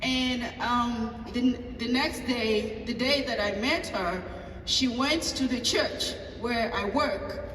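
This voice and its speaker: A woman's voice: fairly high pitch, slow pace, a bit bright, slight background noise. Tanzanian woman telling a story in an echoey hall. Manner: storytelling, acting out dialogue with hesitant fillers. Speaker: pastor. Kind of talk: personal story at a table talk. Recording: echoey hall from far off, faint ambience.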